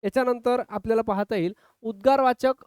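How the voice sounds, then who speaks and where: Lively grammar teacher, crisp dry voice. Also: male voice, very high-pitched, fairly quick, no room sound. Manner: lively, acts out example exclamations, keeps addressing students as friends. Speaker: grammar teacher for exam prep. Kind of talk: online exam-prep lesson.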